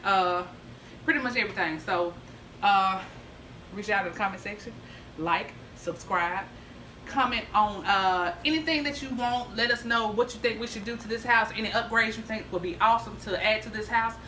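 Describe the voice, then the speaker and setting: Chatty and thinking out loud with plenty of ums, a vlogger in her thirties records a renovation video in an old house's big kitchen. Her mid-range voice has a sharp tone at normal speed, with a little hiss or hum. She holds her phone at arm's length before propping it far off, leaving the sound echoey.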